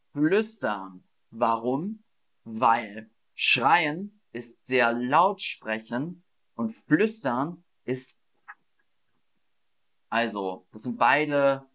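A man teaching German on a live stream, slowly and patiently repeating words and praising his viewers. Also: medium pitch, a bit bright. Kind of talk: live-streamed vocabulary quiz. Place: streaming setup at home.

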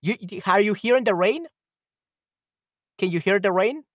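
A high-pitched man with lively intonation and a moderate pace hosts a livestream, troubleshooting audio in a relaxed, halting, think-aloud chat. Close to the microphone, his voice comes across a bit bright with no room sound.

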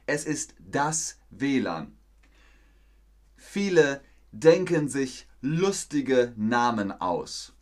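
A man teaching a live-streamed language lesson, repeating words slowly and praising his viewers. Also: mid-range voice. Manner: slow, repetitive, encouraging teacher talk. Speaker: German teacher.

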